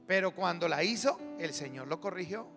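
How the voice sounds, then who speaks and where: A man's voice: high-pitched, animated, moderate pace, gravelly, fairly bright tone. A man preaching an emphatic sermon as pastor, calling on the congregation to answer. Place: church hall. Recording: live church sermon in reverberant hall with music.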